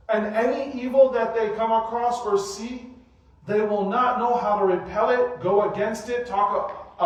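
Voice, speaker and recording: High-voiced man preaching in an echoey hall. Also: recorded from a distance, highs cut off. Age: 40s. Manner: animated, asks rhetorical questions. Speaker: mosque teacher giving a weekly study circle. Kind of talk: sermon-style lecture. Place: mosque prayer hall.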